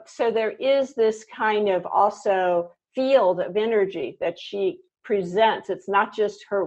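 A woman's voice: lowish voice, darkish tone. A woman hosting a casual conversation, reflective and rambling, with many fillers. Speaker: host. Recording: dull lo-fi sound.

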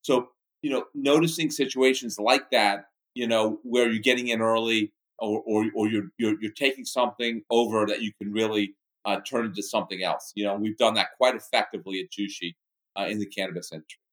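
A business executive in his fifties from the Bahamas answers interview questions as a guest, haltingly and with many restarts. His voice is on the low side with a steady tone, and the recording is rough.

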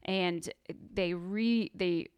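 A woman's voice: fairly low pitch, fairly even intonation, extremely slow, a little mellow, clean tone, no echo. A woman co-hosting a casual faith podcast, talking earnestly with lots of "like" fillers. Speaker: podcast co-host.

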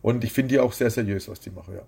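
Fast-talking, blunt boxing promoter man. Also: on the low side, gravelly, darkish tone, breathy edge. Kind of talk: casual interview.

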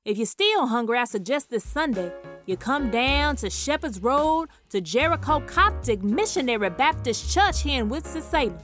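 A woman's voice: high-pitched, lively intonation, normal speed, a bit bright, soft background music. A woman playing a folksy, blunt, churchgoing Southern radio advice auntie with a Southern US accent in a comedy sketch. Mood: folksy, reassuring. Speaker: radio advice show host.

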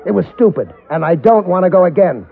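An actor playing a lazy, sardonic beachcomber who talks in a dry, curt, mocking way, in 1930s film dialogue. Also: male voice, sits high, expressive, quick pace, creaky. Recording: tinny, hissy old film soundtrack.

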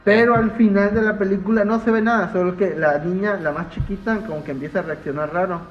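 A young Mexican man tells horror stories in a loose, slangy, animated way. His voice sits a bit high. The recording sounds roomy and dull, with faint music behind. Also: fast. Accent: Mexican Spanish. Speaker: podcast guest. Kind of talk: casual chat.

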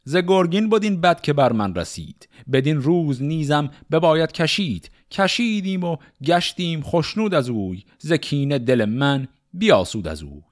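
A man's voice: on the high side, big pitch swings, hardly any pauses, voice pushed up. A man voicing a bitter young warrior trapped in a pit, in declaimed epic verse. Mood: lamenting.

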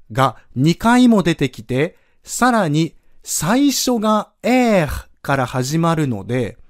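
A male language teacher walks through a pronunciation lesson at an unhurried pace. His voice sits a little high and moves a lot in pitch as he explains step by step. The sound is close and dry, with no room echo. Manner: patient, slow step-by-step explaining with spoken demonstrations.

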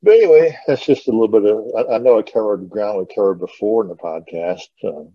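This middle-aged man talks fast in a voice on the low side, casually swapping rambling memories as a podcast host on an online call. The sound is dry but dull and lo-fi.

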